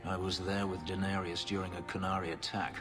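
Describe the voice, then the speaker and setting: An actor voices a brooding, wry escaped slave in a fantasy video game, dryly telling his story in a reflective, bitter mood. His deep voice is flat and a little fast, lightly acted, recorded in a large hall with music playing underneath this cinematic storytelling dialogue.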